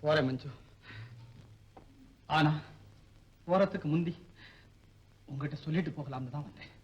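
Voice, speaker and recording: Actor as a grave avenging hero in an old film. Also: male voice, on the high side, normal speed, lo-fi sound, a little hiss or hum. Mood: resolute. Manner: solemn and grave, turning to impassioned shouting. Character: grim young man set on revenge, breaking off his engagement. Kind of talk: 1960s Tamil film acting.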